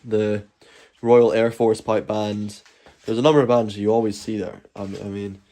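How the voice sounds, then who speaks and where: A Scottish man with a fairly low, very soft-edged, mellow voice chats casually to his livestream. He rambles in a jokey, mock-boastful way. There is faint noise and clicking behind him. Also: fairly even intonation, normal speed. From Scotland. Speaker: live streamer. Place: at home, moving between outdoors and indoors.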